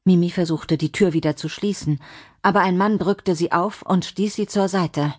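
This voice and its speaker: A woman narrating an audiobook in a measured, steady reading. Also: on the low side. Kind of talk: scripted narration.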